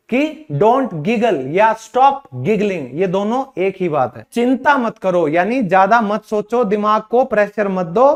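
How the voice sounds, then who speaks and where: High-voiced man teaching slowly. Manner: repeats each phrase slowly, Hindi then English. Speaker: English teacher. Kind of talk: spoken English lesson.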